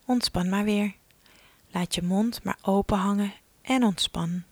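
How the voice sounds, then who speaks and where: A woman talks through a relaxation exercise at a very unhurried pace, calm and gentle. She often sinks into a soft whisper. The sound is close and dry, with no room around it. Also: mid-range voice, no room sound. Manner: slow, soothing instructions, often dropping to a soft whisper. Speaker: relaxation guide for children.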